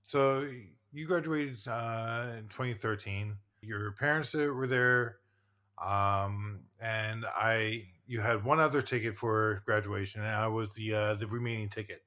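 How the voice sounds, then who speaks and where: A man in his forties co-hosts a casual podcast, rambling through his stories with plenty of fillers and restarts. His voice is bright and forceful. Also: on the low side, steady tone, measured pace. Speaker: podcast co-host, therapist. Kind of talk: casual chat.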